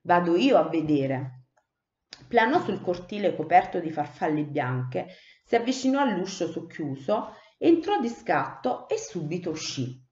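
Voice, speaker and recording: A woman teacher reading a children's book aloud, with slow, expressive storytelling. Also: fairly low pitch. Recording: echoey room, dull muffled sound.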